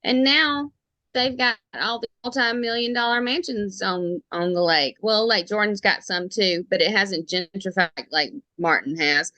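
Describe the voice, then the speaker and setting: A woman's voice: mid-range voice, measured pace, bright, forceful tone, no echo. A woman with a thick Alabama Southern accent, chatting casually and informally as a realtor being interviewed. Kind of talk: casual chat.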